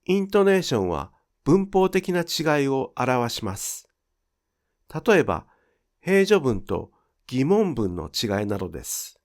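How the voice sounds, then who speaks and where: A man gives a scripted teaching narration to an audience of teachers. His pitch rises and falls a great deal as he explains each point. He speaks in a clear, measured way, close to the mic. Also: sing-song. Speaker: Japanese pronunciation teacher.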